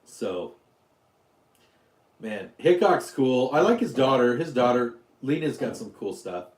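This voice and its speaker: A man's voice: mid-range voice, sing-song, unhurried, reverberant. A man from Utah hosting a casual live stream, rambling, joking and answering questions from his chat. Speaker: YouTube livestream host.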